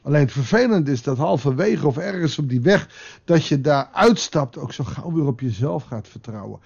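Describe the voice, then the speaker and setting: A man's voice: a little high, expressive, normal speed, gravelly, a little mellow, highs cut off. A man preaching a devotional sermon in a conversational way, now and then acting out quotes with a raised voice. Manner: conversational, with dramatic acted quotes. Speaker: pastor.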